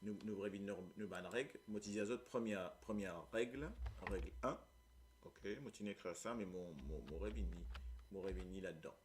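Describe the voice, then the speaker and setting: A man's voice: deep voice, normal speed, a little hiss or hum. A man with a Mauritian accent teaching a Creole lesson, explaining patiently and often checking that his listeners follow. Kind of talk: live language lesson.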